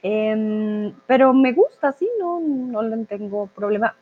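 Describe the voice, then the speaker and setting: A chatty woman from Colombia hosts a live language chat, reading viewer questions and answering them with plenty of "eh" fillers. Her voice sits a little high. The sound is thin and narrow, like a phone line. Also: slow pace.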